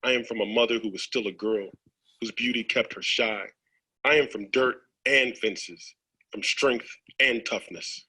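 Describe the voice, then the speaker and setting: Breathy bright-toned man on the radio. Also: medium pitch, fairly even intonation, measured pace, poor audio. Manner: enthusiastic, jokey. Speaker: radio poetry contributor. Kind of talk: radio chat and poem reading.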